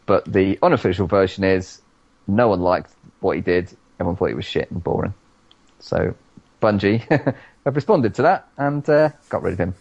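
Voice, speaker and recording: Podcast dude, gravelly low voice, sweary and sarcastic, kinda dull lo-fi audio. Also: male voice, moderate pace, a little mellow, no room sound. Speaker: podcast co-host. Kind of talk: casual podcast chat.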